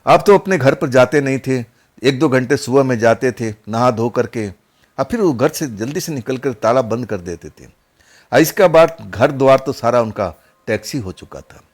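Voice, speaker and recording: A man's voice: medium pitch, animated, normal speed. A man narrating a horror story in a casual, conversational way, often repeating his phrases.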